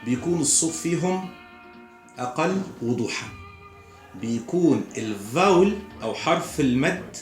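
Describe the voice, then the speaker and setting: A man with an Egyptian Arabic accent teaching English pronunciation, explaining slowly and repeating example words. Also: a little high, echoey room. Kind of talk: recorded lesson.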